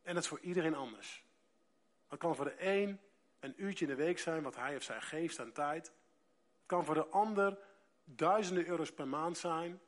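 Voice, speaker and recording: A pastor with a voice on the high side preaches a sermon, reading scripture aloud. He emphasizes key words by slowing down and getting louder.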